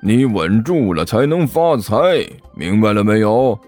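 A man voicing a gruff, boastful middle-aged tomb-robber master who lectures slowly and grumbles at his apprentice. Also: lowish voice, sing-song, a little mellow, soft background music, voice pushed down. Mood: lecturing.

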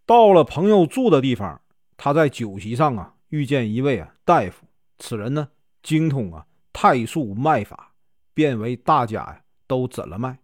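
Lively male storyteller, Northeastern accent. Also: mid-range voice, no echo, studio quality. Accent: Northeastern Mandarin. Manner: drawn-out filler particles, lively storytelling. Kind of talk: storytelling narration.

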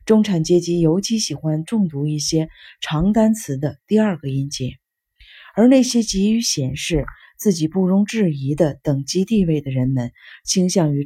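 A woman narrating a nonfiction book in a measured, even reading voice. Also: fairly low pitch, slightly rough, no echo, studio quality. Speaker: audiobook narrator.

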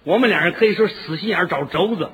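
A man performing comic crosstalk, telling his story in an animated, exaggerated way. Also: high voice, fast talker, breathy edge.

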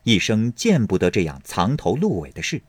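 A man narrating a classic novel with a husky voice and a lively, wide-ranging delivery. The sound is close and dry, with no room around it. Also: on the low side, moderate pace, no echo. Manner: expressive, dramatic storytelling. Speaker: audiobook narrator.

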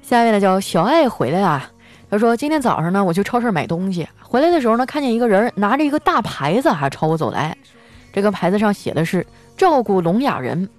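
A woman's voice: mid-range voice, big pitch swings, fast, soft background music. A woman host, chatty and teasing, reading funny listener stories and laughing along as she tells them. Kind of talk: comic storytelling.

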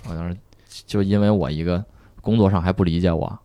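A young man, a guest on a podcast, telling his own stories in a soft, relaxed way with many small restarts. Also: sits low, a little fast, clean tone, no echo, lo-fi sound. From China. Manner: soft-spoken, relaxed storytelling with frequent restarts. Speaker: guest, police officer. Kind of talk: casual podcast chat.

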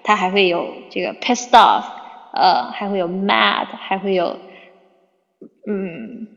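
A woman's voice: mid-range voice, lively intonation, takes it slowly, gravelly, fairly bright tone. A woman English teacher talking bluntly in a casual livestream Q&A, reading out viewer questions and scolding a little. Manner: reads viewer questions aloud. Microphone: phone. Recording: dull lo-fi phone livestream with long reverb.

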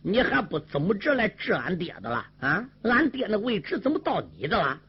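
A man's voice: high voice, big pitch swings, a little fast, slightly rough, full character voice. A man voicing a flustered young general. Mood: flustered, indignant. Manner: sung-spoken storytelling delivery. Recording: lo-fi with loud drum and string accompaniment.

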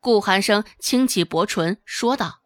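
A woman narrating a serialized novel in an expressive storytelling manner. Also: medium pitch, a little slow, no room sound, clean studio sound. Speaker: audiobook narrator.

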